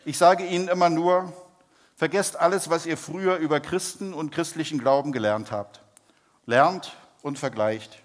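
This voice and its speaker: A man with a fairly high voice preaches, calmly telling a testimony story. He speaks in a measured way and draws out his words when he stresses a point. A long hall reverb trails each phrase. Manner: measured, slows down for emphasis.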